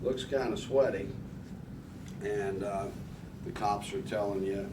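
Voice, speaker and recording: A man's voice: fairly low pitch, fairly even intonation, slow pace. A man instructing a paramedic training scenario, giving prompts and informal explanations, often checking that trainees follow. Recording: echoey distant recording with clear noise.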